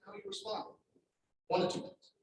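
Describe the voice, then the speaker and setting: In a rough recording with a little hiss or hum, a man talks fairly quickly while hosting a speaking club meeting as its table topics master. Casual and encouraging, he repeats words as he prompts members to share short stories.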